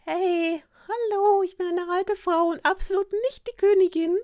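A woman doing a shrill disguised old witch-queen. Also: fairly even intonation, normal speed, a little mellow. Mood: falsely sweet.

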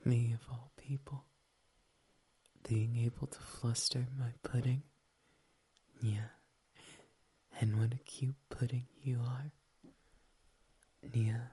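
Slow and breathy, with long pauses, a medium-pitched whisper sits right against the microphone, so airy it barely has voice, and tiny mouth clicks fill the quiet. Keeping a level, flat delivery, the speaker plays an affectionate, teasing partner in an ASMR roleplay.

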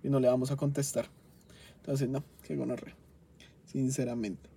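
A man's voice: mid-range voice, level tone, gravelly, dark tone, slight background noise. A young man with a Colombian Bogotá accent, telling restaurant stories in a casual, profane rant and flaring up with exasperation, recorded inside a car. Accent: Colombian Spanish, Bogotá. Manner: profane, exasperated, quick to flare up. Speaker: podcast host.

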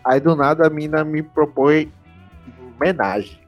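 A young man, telling self-mocking anecdotes in halting, slangy casual talk. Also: on the high side, lo-fi sound, faint music behind.

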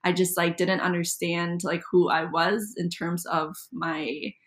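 A woman's voice: fairly low pitch, level tone, measured pace. A young woman from Minnesota, a middle school teacher, talking casually as an interview guest, with many ums and likes. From Minnesota, USA. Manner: chatty, many ums and likes, laughs easily.

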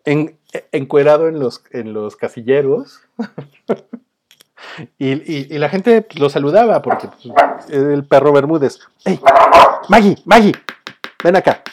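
A man's voice: fairly high pitch, slow, pauses often, a little mellow, a little hiss or hum. A Mexican man hosting a casual home monologue, rambling with many fillers and chuckling often. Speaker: host. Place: home, with a dog nearby.

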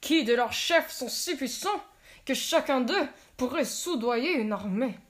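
A woman's voice: high voice, animated, a little slow. A woman voicing a boastful German courtier, heard a little farther from the mic. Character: boastful German courtier praising his prince.

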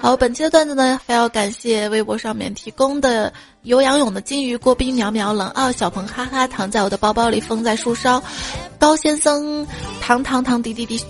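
A woman with a fairly high voice runs a casual joke show, reading out short funny stories with a playful, giggly delivery. Soft music plays faintly behind her. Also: a little fast. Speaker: podcast host.

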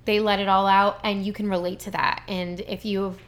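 A woman's voice: mid-range voice, little pitch movement, moderate pace. Upbeat woman co-hosting a podcast. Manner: enthusiastic, upbeat, playful. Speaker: podcast co-host. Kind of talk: casual chat.

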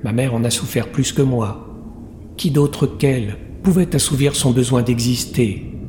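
A man's voice: mid-range voice, measured pace, natural voice. A man reading the part of a wounded, exhausted young woman doctor who speaks in a weary, curt inner voice. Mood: bitter. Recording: roomy long reverb, faint noise.

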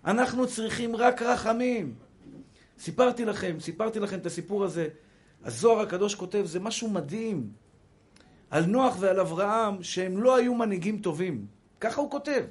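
A man's voice: high-pitched, lively intonation. A man with an Israeli Hebrew accent, a rabbi giving a sermon, animatedly acting out quoted dialogue and calling his listeners brothers.

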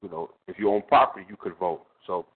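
A fairly low-voiced man speaks over a tinny phone connection that keeps breaking up, his words dropping in and out. He talks in a halting, casual way, often restarting his phrases. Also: noisy background. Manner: halting, with frequent restarts and fillers. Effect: phone line breaking up, cutting in and out. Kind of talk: casual spoken commentary. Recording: tinny, choppy phone line.

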